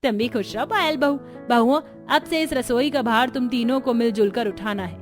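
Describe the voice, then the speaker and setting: A humble, gentle older mother-in-law in a cartoon, played by a woman, earnest and pleading. The voice stays close to the narrator's own. Soft music plays beneath. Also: on the high side, moderate pace, close to an everyday voice.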